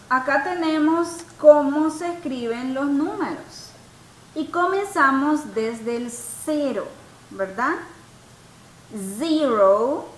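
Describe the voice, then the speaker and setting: High-voiced, slow-speaking woman teacher. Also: a bit bright, reverberant, slight background noise, rough recording. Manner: patient, asks students questions, mixes Spanish and English. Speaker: English teacher. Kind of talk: online class teaching. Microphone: video call.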